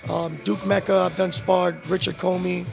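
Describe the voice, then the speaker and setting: A man in his twenties, a professional boxer, answering interview questions in a relaxed, slangy way with a handheld mic in a boxing gym. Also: sits high, normal speed, vocal fry, music in the background. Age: 20s. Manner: relaxed, street slang, many "bro" and "um". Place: boxing gym beside a ring, indoors.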